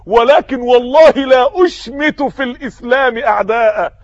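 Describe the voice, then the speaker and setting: A preacher voicing a solemn, defiant captive. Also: male voice, very high voice, no echo, muffled recording. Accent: Egyptian Arabic. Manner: slow, solemn, emphatic vows. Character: steadfast devout captive, grown man, defiant.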